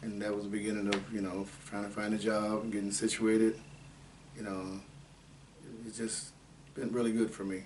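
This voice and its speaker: A man's voice: lowish voice, flat delivery. Octogenarian Ohio man, interviewee; meandering storyteller, picked up from a distance with faint noise. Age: 80s. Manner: unhurried, rambling, with many fillers. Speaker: oral history interviewee. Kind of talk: unscripted life-story reminiscing.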